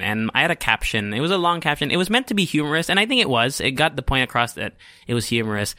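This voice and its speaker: A young man with a Filipino accent hosts his own solo podcast, rambling in a chatty, self-deprecating way and dropping in Tagalog words. His medium-pitched, sharp-toned voice is studio quality, with no room sound.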